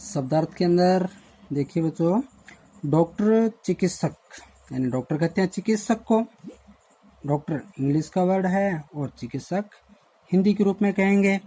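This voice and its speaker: A man teaching a lesson to schoolchildren in a recorded online class, explaining word meanings slowly and repeating himself. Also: sits high, warm tone. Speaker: Hindi teacher.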